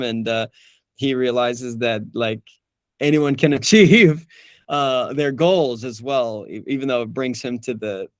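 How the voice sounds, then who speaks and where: Here the same kind of guest, a young man who does voice acting, talks loosely and laughs a lot, frequently starting over and using fillers. The recording is dry and clean, studio-grade, and his voice is mid-range.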